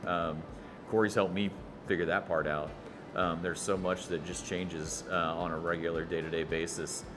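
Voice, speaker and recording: Easygoing low-voiced brewery owner. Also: male voice, little pitch movement, normal speed, background noise. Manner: easygoing, hesitant, many fillers. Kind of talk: casual on-camera explanation. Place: brewery taproom and brewhouse. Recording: music playing behind.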